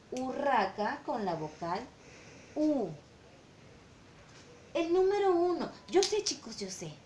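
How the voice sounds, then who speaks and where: A woman teaching an online lesson to small children, asking slow sing-song questions and stretching her vowels. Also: mid-range voice, a little mellow, roomy sound, a little hiss or hum. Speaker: preschool teacher.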